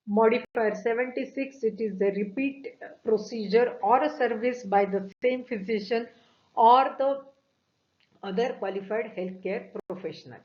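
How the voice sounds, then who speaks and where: A woman teaching medical coding from slides, methodical, often pausing on "uh" and stressing key words. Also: fairly high pitch. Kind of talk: lecture walking through slides. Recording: dull lo-fi audio.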